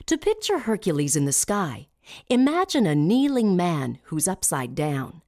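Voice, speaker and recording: A woman reading scripted narration as a smooth museum audio guide, measured and clearly enunciated. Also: on the low side, sing-song, a little mellow.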